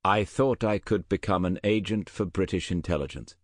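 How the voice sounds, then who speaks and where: A man's voice: deep voice, moderate pace, no echo, clean studio sound, natural voice. A man voicing an earnest, careful German officer who has defected, answering questions politely in an audiobook. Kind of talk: audiobook character voice.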